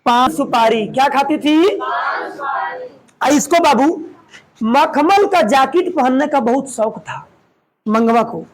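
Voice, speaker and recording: High-voiced teacher quizzing a class. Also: male voice, rough recording. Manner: quizzes students loudly, retells story in dialect. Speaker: coaching centre teacher. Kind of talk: classroom Hindi lesson with quizzing. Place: classroom with students. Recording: faint room noise and chatter.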